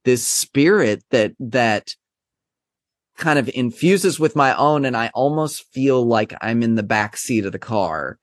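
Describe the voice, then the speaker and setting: In a conversational interview, a Texan man talks as a guest about his drag performing, rambling and self-deprecating with lots of animated asides. His voice is middle-pitched and unhurried, and the recording is dry and close with no room sound.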